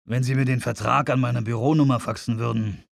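A man voicing a brusque, hurried middle-aged man. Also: mid-range voice, fairly even intonation, vocal fry, no echo, clean studio sound, lightly acted. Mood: curt. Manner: curt and hurried.

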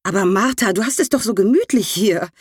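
A woman's voice: mid-range voice, fairly quick, slightly rough, no echo, studio quality, voice pushed up, natural voice. A woman voicing a flustered young mother who talks hesitantly and tries to placate her aunt.

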